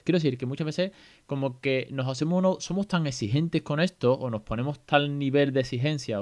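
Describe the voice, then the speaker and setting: A man's voice: medium pitch, dull audio. A man, hosting a podcast in a chatty, colloquial, self-mocking way. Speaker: podcast host and parent. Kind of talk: casual podcast monologue.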